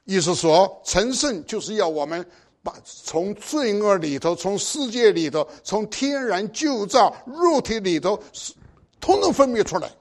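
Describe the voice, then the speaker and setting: High-voiced older preacher, exhorting. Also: male voice, sing-song, a little slow. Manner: exhorting, with pointed rhetorical questions. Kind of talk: sermon.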